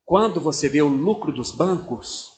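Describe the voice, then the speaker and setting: Brazilian male pastor with a slightly high voice, casual talk, keeps asking the audience "right?". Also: lively intonation, measured pace, a little mellow. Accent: Brazilian Portuguese. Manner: conversational, keeps turning to listeners with tag questions.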